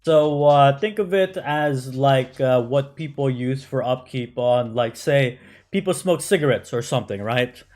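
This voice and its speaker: A man's voice: medium pitch, unhurried, darkish tone, faint music behind. A man who grew up in the United States, chatting casually on a game live stream, answering chat with lots of fillers and "right?" tags.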